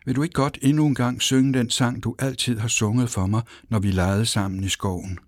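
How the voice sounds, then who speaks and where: A man's voice: medium pitch, steady tone, no room sound, studio quality, voice pushed up, natural voice. A man voicing a brave, frightened little girl princess in a storybook, crying out and pleading.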